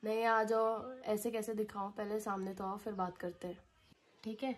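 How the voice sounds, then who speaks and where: A woman's voice: medium pitch, level tone, normal speed, a little hiss or hum. A young woman chatting casually to her vlog viewers, giggly and laughing as she talks. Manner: chatty, giggly, often laughing while talking. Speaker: vlogger.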